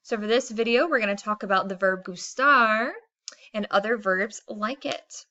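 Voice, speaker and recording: A woman's voice: mid-range voice, moderate pace, sharp tone, highs cut off. A woman teacher explaining grammar patiently in a recorded lesson, reading out Spanish examples.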